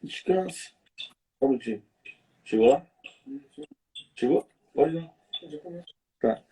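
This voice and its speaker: A man preaching conversationally on a livestream, telling stories in a lively, slangy way. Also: medium pitch, breathy edge. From Rio de Janeiro. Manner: lively storytelling, slangy, quick asides.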